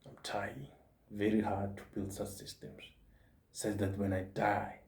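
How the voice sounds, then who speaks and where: A man's voice: lowish voice, flat delivery, measured pace, vocal fry, a little mellow. A man in his forties gives a motivational monologue as a podcast host, earnest and repeating his points for emphasis. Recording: roomy echo.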